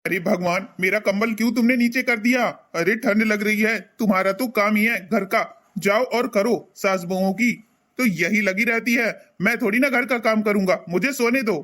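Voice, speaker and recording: A man's voice: high-pitched, moderate pace, a bit bright. A man playing a lazy young husband who grumbles about getting out of bed.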